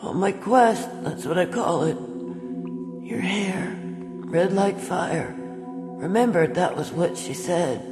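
An actress playing a desperate, bitter elderly woman captive in a dramatized audiobook, halting and rough-spoken. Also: lowish voice. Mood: urgent, halting. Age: older. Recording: long reverb, music underneath.

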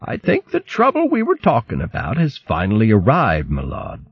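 A man voicing an ancient male servant who speaks gravely and plainly. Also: lowish voice, wildly swooping pitch, moderate pace, muffled recording, voice pushed up, heavily acted.

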